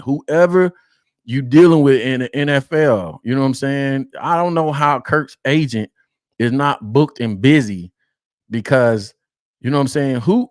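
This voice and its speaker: A man's voice: medium pitch, no echo, studio quality. A man from the Atlanta area hosting a sports show, talking casually and rhetorically and repeating himself for emphasis.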